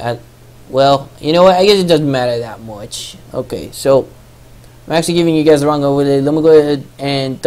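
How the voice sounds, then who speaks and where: A man's voice: fairly high pitch, a little mellow. A young man casting a strategy video game match in a loose, joking, rambling way. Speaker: game caster. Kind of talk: casual esports commentary.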